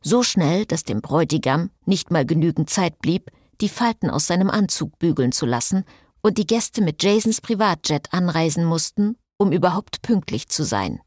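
Expressive woman narrating an audiobook. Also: fairly low pitch, moderate pace, dry recording, clean studio sound.

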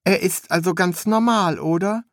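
Keen, naive young apprentice. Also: male voice, sits high, moderate pace, vocal fry, no echo, studio quality, pitched above the performer's own voice. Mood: eager. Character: eager chatty young male apprentice.

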